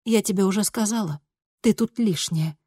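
A woman voicing an eerie teenage double of a girl, speaking calmly with cool mockery. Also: mid-range voice, normal speed, husky, voice pushed up, natural voice. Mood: cold, calm. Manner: calm, coolly mocking.

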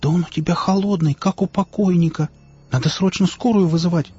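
A man's voice: high voice, fairly even intonation, a little fast, darkish tone, husky, voice pushed up. A man reading an audiobook voices a worried, insistent young woman who fusses over an injured friend. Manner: anxious, insistent. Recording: dull lo-fi audiobook, faint music.

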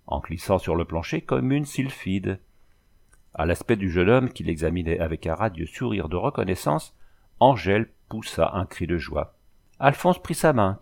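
A man reading a novel aloud as audiobook narrator, in measured literary narration. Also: low-pitched, gravelly, darkish tone.

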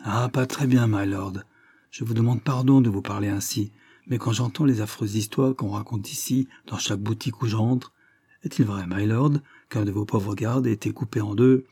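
Scheming busybody woman, read by a male narrator, whining and hushed, husky. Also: lowish voice, steady tone, moderate pace, no echo, studio quality. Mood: gossiping. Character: sly spiteful scheming woman, feigning innocence.

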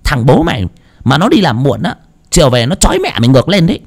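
Sharp-tongued village aunt, shrill and very high, played by a man. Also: sing-song, exaggerated voice. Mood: scolding. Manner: scolding, nagging, rapid-fire.

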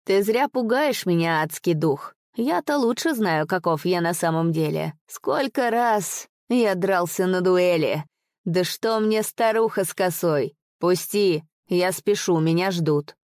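A woman voicing a vain, cowardly old nobleman who blusters and turns shrill and squeaky. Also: lively intonation, unhurried, darkish tone, no room sound, studio quality. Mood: blustering. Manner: shrill, squeaky when frightened.

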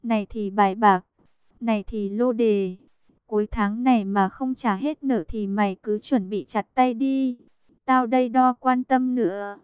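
A woman's voice: a little high, fairly even intonation, unhurried, clear, resonant tone, no echo, muffled recording, lightly acted. A woman reading an audiobook and voicing a desperate aunt around fifty who wails and scolds. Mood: wailing. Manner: wailing, scolding. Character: middle-aged aunt, shrill and desperate.

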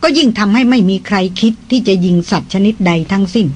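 A narrator reading a novel aloud in a steady, measured way. The voice is husky and sits at a middle pitch. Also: rough recording. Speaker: audiobook narrator. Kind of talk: scripted narration.

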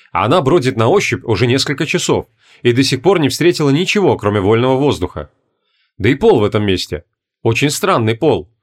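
A man reading a fantasy audiobook in measured, deliberate narration. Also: mid-range voice. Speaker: audiobook reader. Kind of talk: scripted narration.

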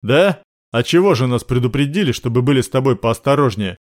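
A man's voice: mid-range voice, animated, a little fast, lightly acted. A man doing a crude mocking thug guard. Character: male gangster guard, crude and menacing.

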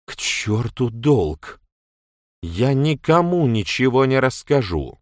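Guy reading as a touchy jealous young woman, defiant, snaps out loud, audiobook. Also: lowish voice, animated, unhurried, dry recording, clean studio sound.

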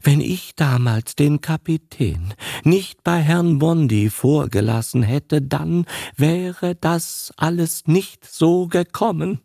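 A man reading aloud puts on an old man well past seventy, racked with guilt and dread. He whispers and gasps, his voice higher than the narration and swinging widely, with a gravelly crackle in a dry, close recording. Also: animated, slow pace, mellow, no room sound, exaggerated voice. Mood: anguished. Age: over 70 (figure). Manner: trembling, whispering and gasping. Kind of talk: dramatized audiobook reading.

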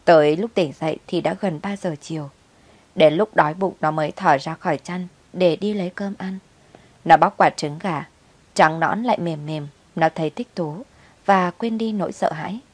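Low-voiced woman telling a story. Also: normal speed, no room sound. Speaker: narrator. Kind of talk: storybook narration.

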